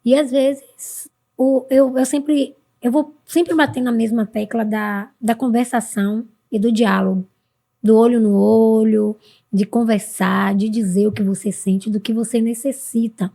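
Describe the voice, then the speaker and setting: A middle-aged woman from Brazil, a guest on a podcast, talking earnestly and warmly about her life and her mother, sometimes jumping high in pitch when she quotes others. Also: steady tone, a little slow, gravelly. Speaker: podcast guest, mentor for women. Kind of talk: casual interview talk.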